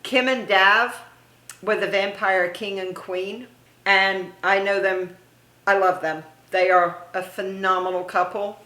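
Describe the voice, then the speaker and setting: A woman's voice: medium pitch, steady tone, slow, sharp tone, echoey room, rough recording. A middle-aged woman being interviewed as a guest, reminiscing casually and gushing with praise, laughing often. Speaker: interview guest, theme park haunt performer.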